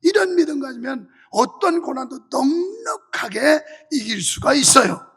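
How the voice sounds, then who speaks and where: A male pastor preaching a fervent sermon with a strained voice and rhythmic, shouted refrains, in a church sanctuary. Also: extremely high pitch, very animated, measured pace. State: voice strained from heavy use. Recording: reverberant church hall.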